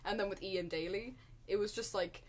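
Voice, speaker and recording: A young woman with a light Irish accent talks casually as a podcast guest. Her voice sits at a middle pitch. She is giggly and swears freely. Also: moderate pace, a little hiss or hum. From Ireland. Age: teens to young adult. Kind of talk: casual chat.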